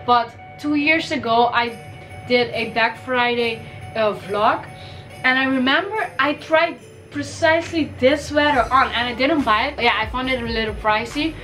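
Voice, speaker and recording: A young Caribbean woman vlogs a casual shopping haul from her bedroom, chatty and upbeat even with a cold that may crack her voice. Her tone is sharp and fairly high-pitched, her speed normal, with soft music in the background; she's a fashion vlogger in her young adult years.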